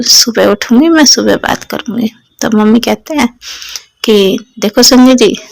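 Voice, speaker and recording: Middle-aged woman telling her devotion story, rambly, keeps addressing the congregation, kinda high voice with gravel in it. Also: no echo, low-quality recording. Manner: rambling, repeatedly addresses listeners respectfully. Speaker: devotee sharing testimony. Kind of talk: devotional personal testimony to a congregation.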